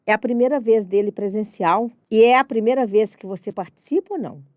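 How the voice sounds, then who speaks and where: A woman's voice: medium pitch, fairly quick, darkish tone, no room sound. A middle-aged woman hosting a podcast, enthusiastic and affectionate as she introduces and questions her guest. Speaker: podcast host. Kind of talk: casual interview.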